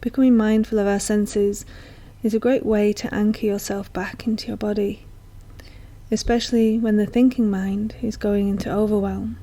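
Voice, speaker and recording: Slow, gentle meditation guidance comes from a woman whose mid-range voice stays level, soft and breathy, frequently dropping to near a whisper. As a meditation teacher, she lets long, calming pauses settle between her words.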